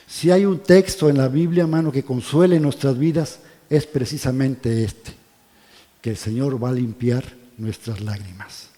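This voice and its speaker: A man leading a church Bible study, often asking the listeners questions and dropping to soft, quiet tones on solemn points. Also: medium pitch. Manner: asks the congregation questions, checks in with "¿verdad?". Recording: long reverb of a church hall.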